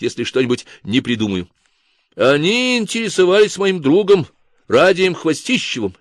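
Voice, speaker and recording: Brief: audiobook figure, emphatic, self-justifying defector confessing on air, read by a man, raised lively pitch, dry sound. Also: no echo. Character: nervous defecting male artist confessing on radio.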